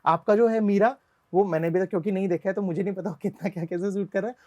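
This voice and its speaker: A man's voice: high-pitched, fairly even intonation, fast, darkish tone, dry recording, highs cut off. A male interviewer who listens attentively, agrees briefly, and then asks his questions in a chatty way. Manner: attentive, frequent short agreeing responses. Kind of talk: interview conversation.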